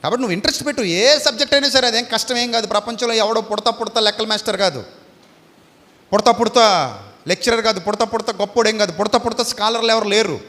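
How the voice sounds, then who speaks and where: A man's voice: high voice, quick pace, pushed and bright, long reverb tail. A man preaching an Easter sermon, firing rhetorical questions at the audience in an emphatic, repetitive cadence.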